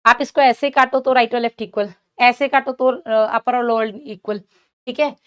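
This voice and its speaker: A woman's voice: fairly high pitch, steady tone, moderate pace, fairly bright tone, clean tone. Female biology tutor, online prep class; patient, explanatory, affectionate with students, drops English terms in. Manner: mixes English terms into speech. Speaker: biology teacher. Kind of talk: online exam-prep lecture.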